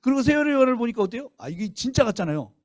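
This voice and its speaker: Brief: a missionary preacher in a church, animated storyteller firing questions at the congregation. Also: male voice, a little high, quick pace, dry recording, studio quality. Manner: lively storytelling, rhetorical questions. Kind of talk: revival sermon. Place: church sanctuary.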